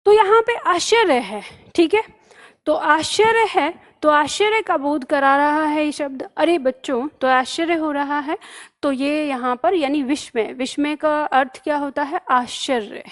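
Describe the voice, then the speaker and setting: Woman, teacher, high-pitched voice, grammar lesson, question-and-answer explaining, repeats key terms. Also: a little slow. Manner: asks rhetorical questions and answers them.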